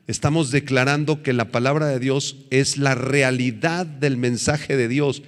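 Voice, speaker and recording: A man, a pastor, preaching an expository sermon verse by verse, asking his listeners questions and swinging between loud emphasis and quiet asides. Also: medium pitch, steady tone, unhurried, in a large hall. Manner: teaches verse by verse, asks the congregation questions.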